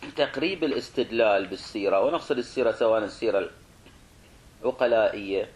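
A man's voice: fairly low pitch, quick pace. A male religious studies teacher lecturing a class, who repeats and rephrases points, asks rhetorical questions and sometimes restarts words. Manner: clears his throat, restarts words.

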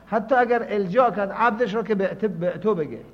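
A man teaching a scholarly lecture, reasoning aloud and moving between quiet stretches and emphatic points. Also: high-pitched. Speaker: seminary teacher. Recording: dull lo-fi lecture recording.

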